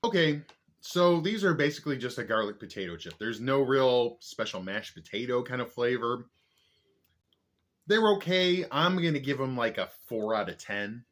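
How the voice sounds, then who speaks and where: A man's voice: mid-range voice, expressive, normal speed, fairly bright tone. A man chatting casually as the host of a snack review vlog, with a jokey, playfully exaggerating way of talking. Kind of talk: casual food review chat.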